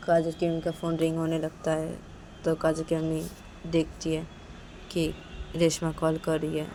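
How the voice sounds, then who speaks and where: A woman's voice: deep voice, dark tone, a little hiss or hum. A woman narrating a story casually, retelling it plainly and with many repeated links.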